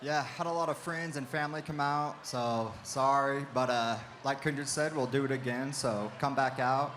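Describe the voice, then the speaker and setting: A man's voice: mid-range voice, steady tone, normal speed, a bit bright, a little hiss or hum. A man, a fighter, giving a plain impromptu thank-you to an audience.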